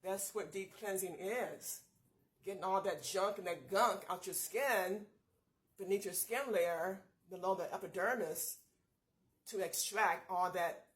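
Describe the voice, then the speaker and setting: In a casual skincare tutorial, a female beauty vlogger talks through her routine in a relaxed, chatty manner, often calling her viewers "you guys" and giving them an upbeat, encouraging pep talk. Her voice is an ordinary middle pitch, and the recording is rough.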